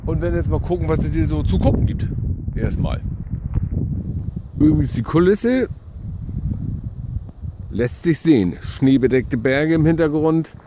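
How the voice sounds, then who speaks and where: A man's voice: fairly high pitch, measured pace, pauses often, noisy background. Man, 50s, casual travel vlogger, rambling selfie-camera commentary outdoors, faint ambience. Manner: chatty, rambling, self-correcting. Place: outdoors by a lake and in a wooden hut. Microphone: camera held at arm's length.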